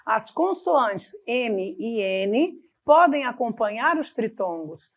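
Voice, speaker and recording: Woman teacher from Brazil, Amazonas accent, fairly high voice, slow and deliberate delivery for a recorded lesson. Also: big pitch swings. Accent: Amazonas Brazilian Portuguese. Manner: slow and deliberate, stretching example words, checking in with "tá bom?".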